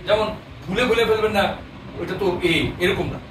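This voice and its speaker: A man with a high voice, speaking at normal speed, teaches a language class, explaining patiently and often putting questions to his students. The recording is noisy, made with a distant mic in an echoey room.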